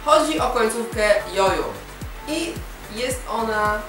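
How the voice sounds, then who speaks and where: A woman's voice: on the high side, animated, slow pace. A woman teaching a language lesson, explaining grammar rules step by step in a patient way. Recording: very echoey room, voice from far off, music behind.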